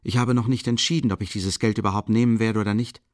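A man's voice: fairly low pitch, steady tone, quick pace, dry recording, close to an everyday voice. Tormented young man, read by a male narrator, agitated and bitterly mocking; dry close audiobook sound. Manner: agitated, musing half aloud, bitter mockery.

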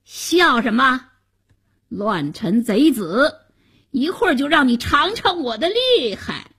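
A woman's voice: high voice, sing-song, very slow, fairly bright tone, pitched above the performer's own voice, exaggerated voice. A woman voicing a cruel, scheming male prime minister who drags out his menacing words with a sneer. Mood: furious.

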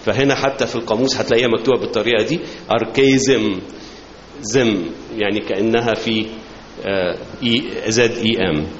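A man's voice: fairly low pitch, fairly even intonation. Male lecturer, Egyptian accent, patient bilingual explanations, recorded in a big echoey hall. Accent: Egyptian Arabic. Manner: explains slowly, switching between English and Arabic. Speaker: teacher. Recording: roomy, dull, hissy hall recording.

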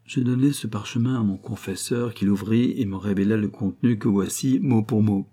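A male reader brings in a kindly old forester, a father figure who scolds mildly but swells with pride. His voice sits low and mellow, with a husky grain. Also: steady tone, brisk, close to an everyday voice. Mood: proud, earnest. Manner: mock-severe, then affectionate and proud.

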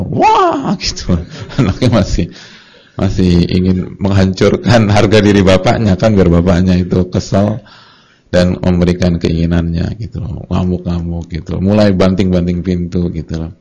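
Gravelly low-voiced man preaching animatedly. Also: normal speed. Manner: lively storytelling, acting out short dialogues; colloquial and conversational. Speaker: Islamic preacher. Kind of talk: recorded religious lecture. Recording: dull lo-fi lecture recording.

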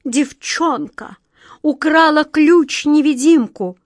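A woman's voice: no room sound, clean studio sound, natural voice. A woman doing an imperious, angry wind queen. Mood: pained. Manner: imperious and shrill, drawn-out words. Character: haughty, impatient wind queen of ice.

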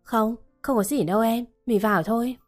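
A woman's voice: fairly high pitch, normal speed, soft background music, natural voice. A woman voicing an abusive middle-aged man who blusters and threatens a young maid. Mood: coaxing. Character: bullying middle-aged man, the mistress's partner.

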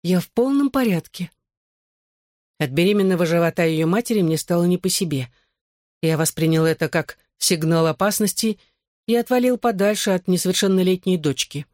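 Dry, even audiobook narration. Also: mid-range voice, brisk, no echo. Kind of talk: scripted first-person narration.

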